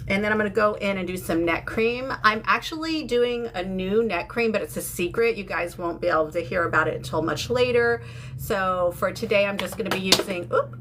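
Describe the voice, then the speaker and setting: With a mid-range, slightly bright voice, a woman in her fifties hosts a casual beauty livestream, chatting informally to viewers. She's from the UK, lives in San Francisco and has an American accent. Room ambience and background noise are present in the clear recording.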